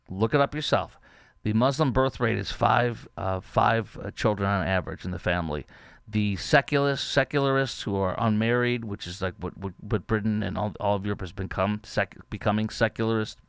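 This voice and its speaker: A man's voice: fairly low pitch, clear, resonant tone, no echo. A man hosting a podcast, giving indignant, scornful political commentary. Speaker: podcast host.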